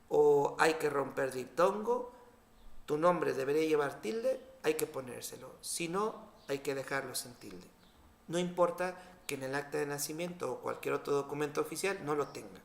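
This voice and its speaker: A man with a Mexican Spanish accent, explaining spelling rules in a clear, deliberate scripted lesson. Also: on the high side, echoey room. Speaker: spelling teacher.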